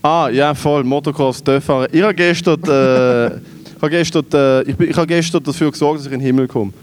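Swiss German male podcast co-host with a high voice; spins comic anecdotes, laughing as he goes. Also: fairly quick. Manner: laughs through his stories, acts out quoted voices. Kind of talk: comedic storytelling.

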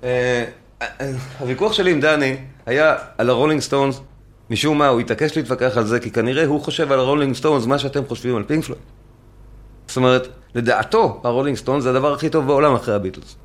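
A man hosting a music discussion panel over a call, arguing insistently and fending off interruptions. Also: mid-range voice. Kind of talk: heated casual debate.

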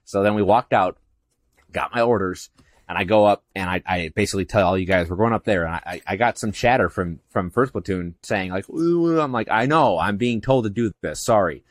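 A man's voice: low-pitched, a little fast, no room sound. A man hosting a podcast, telling a story in casual chat, acting out quoted voices and laughing often. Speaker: podcast host.

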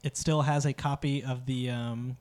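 A man's voice: medium pitch, fairly even intonation, normal speed, darkish tone. A man chatting casually as a podcast co-host, with a voice that sits squarely in the middle of his range. He rambles, his speech full of "uh" and "um" fillers. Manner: rambling, filler-heavy delivery. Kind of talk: casual chat.

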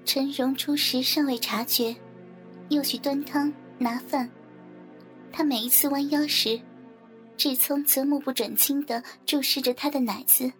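Woman narrator, high voice, smooth even reading, faint music behind. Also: unhurried. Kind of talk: scripted narration.

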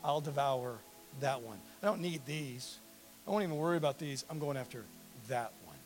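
A preacher voicing the devil as a prowling male lion, low, menacing and gloating. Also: normal speed, faint music behind, natural voice. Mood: gloating menace. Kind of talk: sermon.

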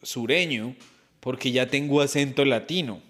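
A man hosting a comedy podcast, telling stories and asking questions in a quick, joking way. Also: medium pitch, fairly bright tone. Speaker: podcast host. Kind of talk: casual podcast chat.

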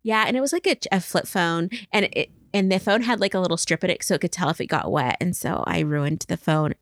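A woman talks in a California Valley Girl way, scattering "like" through loose, casual chat. Her voice sits a little low. The sound is very dry, as on a co-hosted podcast. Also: a little fast, no echo. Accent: California Valley Girl, West Coast American. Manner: Valley Girl talk peppered with "like". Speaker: podcast co-host.

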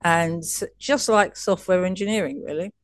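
A woman's voice: fairly low pitch, moderate pace, no room sound, clean studio sound. A woman coach as an interview guest, telling stories in a chatty way with frequent restarts and laughs. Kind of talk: casual interview storytelling.

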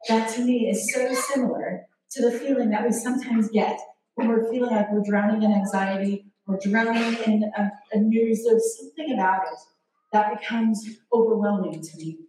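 A woman in her forties preaching a sermon, telling a self-mocking story with animated energy. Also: mid-range voice, normal speed. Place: large church hall. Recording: very echoey hall, distant mic, faint noise.

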